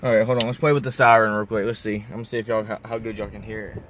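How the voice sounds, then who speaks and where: A young adult man vlogs from inside a parked car, explaining things in a folksy, rambling, unscripted way. His voice is fairly low with a fairly bright tone, delivered flatly and very fast. A little hiss or hum is audible.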